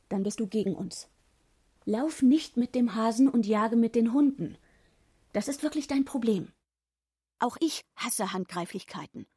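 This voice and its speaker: A woman's voice: on the high side, warm tone, slightly rough. A woman in her twenties playing a nervous but earnest young suffragette in a radio drama. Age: 20s. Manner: earnest, fretful.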